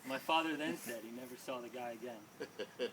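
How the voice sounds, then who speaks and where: Reading his own work to a small live audience, a man with a medium-pitched voice keeps a moderate pace. He stresses lines rhythmically and emphatically and drops in casual asides, heard through a distant mic amid room noise.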